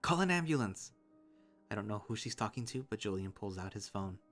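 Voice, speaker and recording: Man, low voice, young adult, steady earnest narration, visual novel reading, faint music behind. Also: fast. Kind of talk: first-person story narration.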